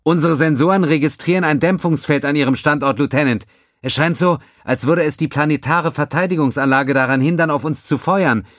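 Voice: medium pitch, brisk, no echo, clean studio sound, pitched above the performer's own voice, lightly acted. A man voicing a decisive starship captain giving firm commands. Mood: informing.

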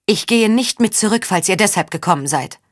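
Hoarse weary countess, read by a woman. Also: medium pitch, expressive, fairly quick, no room sound, clean studio sound, lightly acted. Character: hoarse proud young countess, stubborn. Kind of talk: audiobook character voice.

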